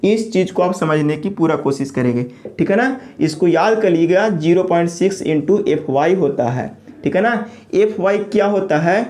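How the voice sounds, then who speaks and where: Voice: medium pitch, moderate pace, hardly any pauses, darkish tone. Engineering lecturer. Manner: asks questions and answers them himself, repeats key terms; keeps checking in with the listener. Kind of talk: classroom lecture.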